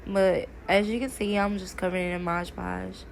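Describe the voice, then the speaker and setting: A craft video creator chats casually through a DIY tutorial, calling her viewers "y'all" in a friendly, how-to way. Her voice is mid-range and creaky with a slightly stuffy, cold-like quality, and she speaks at a moderate pace with flat delivery. Light background noise can be heard.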